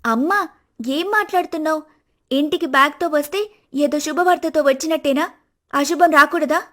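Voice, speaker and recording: A woman voicing a proud, quick-tempered young daughter-in-law in an animated storybook, talking sharply and sarcastically in a raised voice. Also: sits high, voice pushed up. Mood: defiant.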